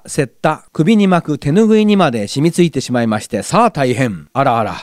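Middle-aged male radio host, lively pitch, dry studio sound, chatty and wry. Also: dry recording. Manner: chatty, musing, wry asides. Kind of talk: casual radio talk.

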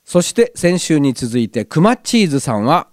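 Guy hosting local radio, reading mail, lively up-and-down voice, dry studio sound. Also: on the high side, normal speed, no room sound. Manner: chatty, relaxed, reads letters aloud. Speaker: radio host. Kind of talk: community radio talk, reading listener mail. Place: glass-walled studio in a cinema. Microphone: studio mic.

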